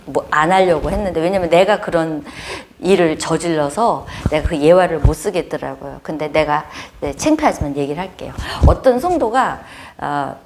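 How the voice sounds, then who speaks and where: A woman preaching a sermon, telling stories in an animated way with frequent laughter. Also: low-pitched, moderate pace, hardly any pauses, a little hiss or hum.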